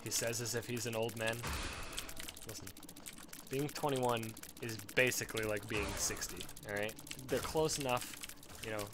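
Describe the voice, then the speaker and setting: A man's voice: medium pitch, steady tone, moderate pace, noisy background. A man of twenty-one with a sore throat, rambling and self-deprecating as he commentates a game, swearing at it now and then. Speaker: let's play commentator. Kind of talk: casual gameplay commentary.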